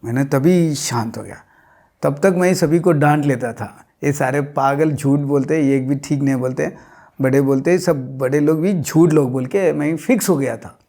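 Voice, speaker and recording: Male interview guest, warm mellow tone, halting and repetitive storytelling, for a personal spiritual testimony. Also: fairly high pitch. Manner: halting, repetitive storytelling mixing in English words. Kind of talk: recounting a personal spiritual experience.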